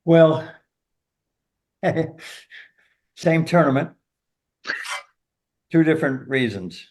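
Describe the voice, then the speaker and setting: An older man, a golf teacher and former caddie, telling animated stories in an interview and chuckling along. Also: fairly high pitch, drawn-out words. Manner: animated, laughs through stories, many "you know"s. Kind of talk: anecdotal storytelling in an interview.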